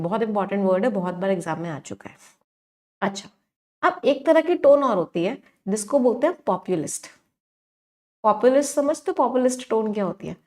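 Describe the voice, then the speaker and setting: A woman's voice: a little high, a little mellow. Woman teacher quizzing her class. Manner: asks the class questions and answers them herself. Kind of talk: exam-prep vocabulary lesson.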